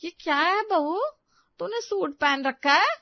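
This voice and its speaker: A woman acts out a domineering middle-aged mother-in-law in a storybook tale, barking orders loudly in a high-pitched voice. She keeps scolding, with no warmth at all. The sound is close, dry and a little dull. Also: animated, normal speed, no echo, close to an everyday voice. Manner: scolding, loud and commanding.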